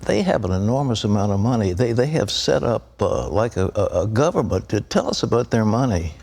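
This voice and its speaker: Gravelly-voiced male TV host. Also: on the low side, expressive, darkish tone. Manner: probing, with halting restarts. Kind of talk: TV news interview.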